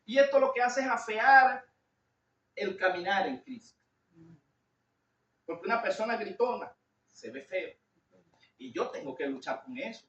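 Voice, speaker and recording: A man with a Venezuelan accent preaching a sermon in a loud, shouting timbre, earnest and confessional, calling his listeners brother. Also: very high voice, a little hiss or hum. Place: church hall. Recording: echoey hall, distant lo-fi mic.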